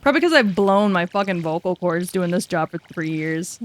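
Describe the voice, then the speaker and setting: Animated and a little fast, this fairly low-pitched woman in her twenties chats on a game stream. She laughs easily, curses, and mutters to herself as she works things out.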